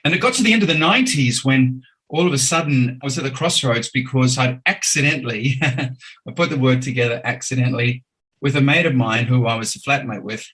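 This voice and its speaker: Brief: New man, fifties, chatty and enthusiastic interview guest, mid-pitched voice. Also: fairly quick, fairly bright tone, rough recording. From New Zealand. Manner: chatty, enthusiastic, filler-laden. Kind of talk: casual interview storytelling.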